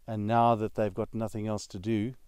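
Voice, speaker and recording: A man's voice: lowish voice, flat delivery, normal speed, darkish tone, clear, resonant tone, no room sound. A man explaining things off the cuff as a park security chief. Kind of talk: unscripted interview explanation.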